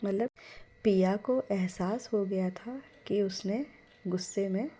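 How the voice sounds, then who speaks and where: A woman narrating a story in a gentle, unhurried manner, speaking directly to her listeners. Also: mid-range voice, husky.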